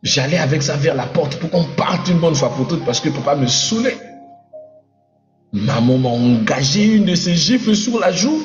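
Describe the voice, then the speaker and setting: Man, preacher, animated sermon, playful, high voice, echoey hall. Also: moderate pace. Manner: animated, playful, acts out voices in his stories. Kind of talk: lively sermon. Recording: echoey hall, dull sound, faint music.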